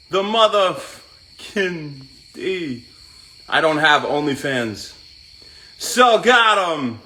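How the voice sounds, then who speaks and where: Slow-talking bright-voiced man greeting viewers. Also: sits high. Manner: reads out viewers' names and greets each one; chats while working out. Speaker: live-stream host. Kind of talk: casual live-stream chat.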